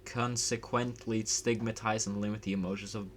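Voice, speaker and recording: A man's voice: fairly low pitch, level tone, moderate pace, slight background noise. A man co-hosting a casual podcast over a voice call, laid-back and joking while he steers the talk. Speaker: podcast co-host. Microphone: voice call over the internet.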